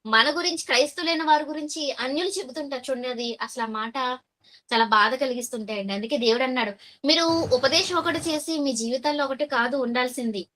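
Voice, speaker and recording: A woman preaching a sermon, asking her listeners questions and answering them, and reading verses slowly. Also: high voice, pushed and bright. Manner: reads verses slowly and deliberately.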